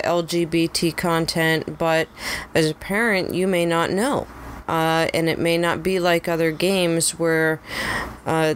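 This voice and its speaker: A woman co-hosting a game review podcast, making her points in a measured, deliberate way. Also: low-pitched, a little hiss or hum. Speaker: podcast co-host. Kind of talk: casual podcast chat.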